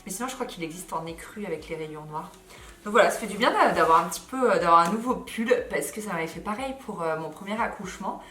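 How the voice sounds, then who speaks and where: A woman in her thirties talks casually to her viewers, tired and rambling with fillers and quick asides. Her voice sits a little low. The sound is roomy and picked up from a small distance. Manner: chatty, many fillers, animated asides. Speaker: lifestyle vlogger. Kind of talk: casual chat to camera. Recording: roomy echo, mic a bit far.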